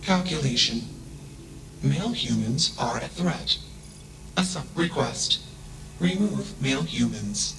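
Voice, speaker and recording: A man's voice: mid-range voice, lively intonation, slow, gravelly, pauses often, crowd noise, poor audio. A man voicing a cold, emotionless male AI starship mind in a video game, speaking in clipped machine phrases that label each statement. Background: music.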